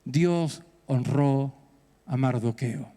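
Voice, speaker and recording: A man's voice: extremely slow, dark tone. A middle-aged man with a Peninsular Spanish accent preaching a fervent, exhorting sermon as pastor. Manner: fervent, exhorting, rising to high bursts. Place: church hall. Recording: echoey church hall.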